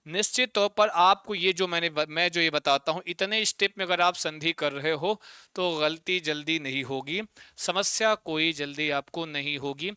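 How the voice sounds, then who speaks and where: Male Sanskrit tutor, fairly high bright voice, crisp and dry, constant "got it?" check-ins, spells out syllables slowly. Online exam-prep lesson. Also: no echo. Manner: drills students with repeated questions and tag checks. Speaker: Sanskrit teacher.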